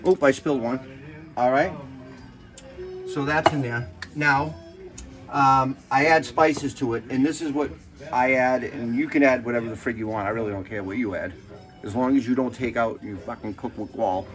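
A man's voice: medium pitch, steady tone, moderate pace, faint music behind, rough recording. A man hosting a casual cooking show, rambling and joking as he cooks, swearing freely and drifting off into stories. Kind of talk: casual cooking demonstration chat.

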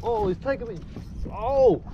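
An excitable Australian fishing vlogger laughs often and chats to viewers as he fishes from a kayak on an open bay, keeping up a casual running commentary. His voice sits high and his pace is measured. The recording is muffled, made on an action camera mounted to the kayak, with wind and water noise outdoors.

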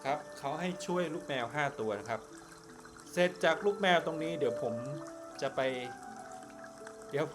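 A man chatting casually to viewers as he plays through a game, his volume swinging between loud and soft. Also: on the high side, animated, moderate pace, pauses often. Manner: chatty, talks to viewers while playing. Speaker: game streamer. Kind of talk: casual gameplay commentary. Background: game music.

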